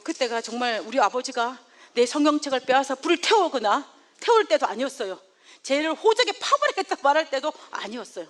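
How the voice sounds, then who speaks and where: A woman from South Korea giving a sermon and telling a personal story, often laughing as she goes. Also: fairly high pitch. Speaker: preacher.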